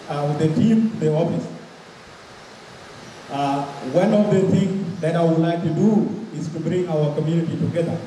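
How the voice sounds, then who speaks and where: A man delivers a campaign speech, earnestly listing his plans one point at a time. His voice is very dark and sits slightly above the usual pitch for a man. It sounds distant and washed in heavy echo, as though recorded from far back in a hall. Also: slight background noise. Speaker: presidential candidate. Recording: very echoey hall, voice picked up from far off.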